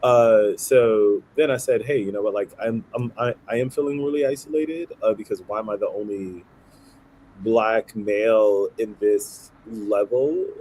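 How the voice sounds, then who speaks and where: A man's voice: lowish voice, warm tone, a little hiss or hum, low-quality recording. A man in his thirties, originally from Haiti and raised in Brooklyn, explaining himself earnestly as an interview guest and often checking in with "right?". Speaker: guest, nonprofit founder. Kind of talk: conversational interview.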